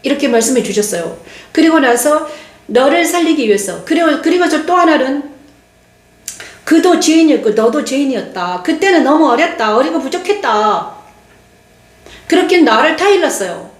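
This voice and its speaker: An older woman pastor giving a testimony sermon, speaking slowly and haltingly with many restarts and pauses. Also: sits high, lively intonation. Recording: echoey room.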